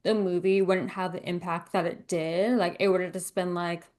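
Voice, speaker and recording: A woman's voice: on the low side, normal speed. A woman guest in a casual interview, animatedly retelling events and acting out quotes. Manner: animated storytelling with acted-out quotes. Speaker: guest, gardener.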